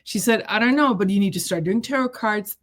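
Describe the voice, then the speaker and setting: Speaking fairly quickly at medium pitch, a middle-aged woman brought up in Germany appears as a guest healer and intuitive reader. Her interview is casual and talkative, full of laughter and fillers as she tells her story.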